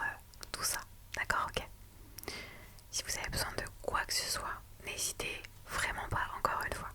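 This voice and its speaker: Soft, slow and soothing, a woman whispers through an ASMR roleplay as a lawyer reassuring her client. Calm "ok"s and "d'accord"s come up again and again.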